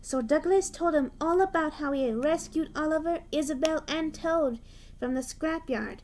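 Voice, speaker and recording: A woman reading a children's train story aloud in a gentle, unhurried storytelling manner. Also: high-pitched, slight background noise. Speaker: storybook reader.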